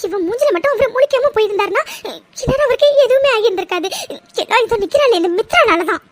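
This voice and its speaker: A woman's voice: extremely high pitch, expressive, fast, no room sound. A woman doing a spiteful jealous young woman. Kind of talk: cartoon voice acting.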